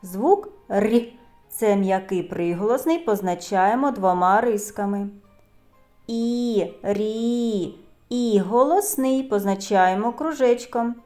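A woman teaching young children a reading lesson, sounding out letters slowly and carefully. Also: mid-range voice, warm tone, soft background music. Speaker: preschool teacher.

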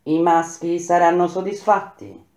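A woman's voice: fairly low pitch, fairly even intonation, unhurried, a little mellow. A woman voicing a fierce, proud warrior queen, speaking in a curt, cold, defiant manner. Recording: roomy echo.

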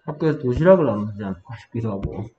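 Man teaching an English lesson, dull recording. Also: medium pitch. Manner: explains step by step, drills with quick questions. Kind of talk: exam-prep lesson, quizzing a student. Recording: dull lo-fi room recording, faint noise.

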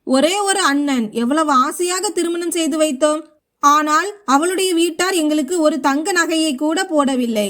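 A woman's voice: high-pitched, measured pace, a bit bright. A woman reading the lines of a resentful married sister in a storybook narration, complaining.

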